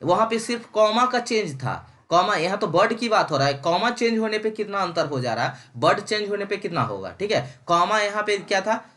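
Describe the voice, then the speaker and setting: Sitting high in pitch, this young man's voice is very animated, bright and forceful as he gives a recorded engineering lecture blending Hindi and English. He often says "ठीक है" to check in with students, weaves in English terms, and slows down when reading English lines.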